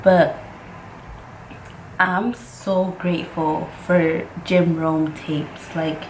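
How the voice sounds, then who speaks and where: A twenty-five-year-old woman, a court interpreter and native Mixtec speaker, rambles chattily through a makeup tutorial, peppering her talk with "like" and "freaking." Her fairly low voice has a steady tone and drawn-out words, and the recording is roomy with faint ambient noise.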